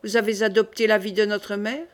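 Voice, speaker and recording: A woman's voice: mid-range voice, little pitch movement, brisk, natural voice. A woman voicing a jealous, resentful young prince in an audiobook reading. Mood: bitter.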